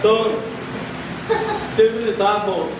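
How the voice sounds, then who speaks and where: Male podcast host, high-pitched, informal group chat, far from the mic with clear background noise. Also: fairly even intonation, measured pace. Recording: echoey room, distant mic, noisy background.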